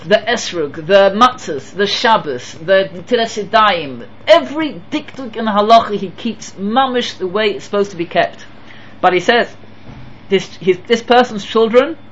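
A rabbi delivers a Torah lecture in English, sprinkling in Hebrew and Yiddish terms and shifting between forceful emphasis and near-whispers. His voice is high, and the lo-fi recording carries a slight background noise.

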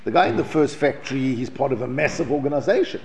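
A South African man teaches a Torah class, reading Hebrew passages and explaining them in English while often restarting and repeating words. He speaks fast at medium pitch with vocal fry. The lo-fi, dull recording carries slight background noise.

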